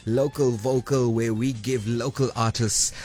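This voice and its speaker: A man's voice: medium pitch, fairly even intonation, darkish tone, faint music behind. A man hosting a radio show from the studio, upbeat and hyping his guests. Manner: upbeat, hyping, quick asides. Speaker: radio host. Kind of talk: lively radio presenting. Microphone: studio microphone.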